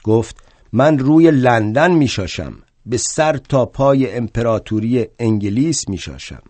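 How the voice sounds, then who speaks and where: A man voicing a huge, drunken, fiery male anarchist in a one-man stage play, shouting scornful outbursts. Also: mid-range voice, lively intonation, no echo, close to an everyday voice. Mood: defiant.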